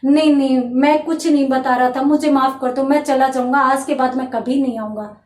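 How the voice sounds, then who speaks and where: A woman voicing a frightened male guest who begs for mercy in a rushed, panicked way. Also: high voice, fairly even intonation, darkish tone, echoey room, lightly acted. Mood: pleading.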